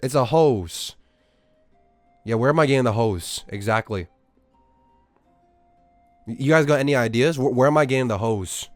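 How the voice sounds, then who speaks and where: A man's voice: mid-range voice, normal speed, long pauses, dry recording, soft background music. A young man, ranting in a casual, profane way at his live-stream chat. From Australia. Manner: incredulous, profane, exaggerated ranting.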